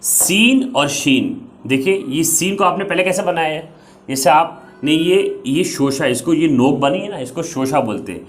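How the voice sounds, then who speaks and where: Young male teacher, slightly high voice, slow and repetitive, drilling letter sounds for beginners. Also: expressive. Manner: explains slowly, repeats letter sounds. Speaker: Arabic teacher. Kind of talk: patient alphabet lesson.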